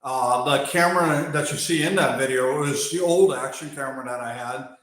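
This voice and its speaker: Working on a bike outside or in some open area, a German-born wildlife channel host with an American accent talks to his live stream audience at a relaxed pace. His voice is middle-pitched and a bit bright, ringing through a very echoey space. Between thoughts he answers chat, leaving pauses filled with "uh."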